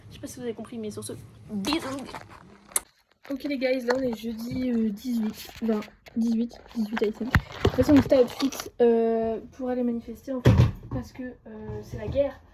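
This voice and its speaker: Young woman, French accent from France, somewhat high voice, casual slangy vlog chat, English words mixed in, noticeable background noise. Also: steady tone, moderate pace. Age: young adult. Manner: slangy, peppered with English words, self-mocking. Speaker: vlogger and university student.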